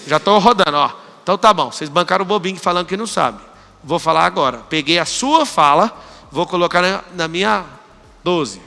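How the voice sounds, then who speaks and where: Brazilian man, motivational speaker, high voice, sharp bright tone, commanding, energetic, long hall echo. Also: fairly quick, creaky. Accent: Brazilian Portuguese. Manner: energetic, commanding, acts out dialogues with students. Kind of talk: live motivational talk. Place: large hall with audience.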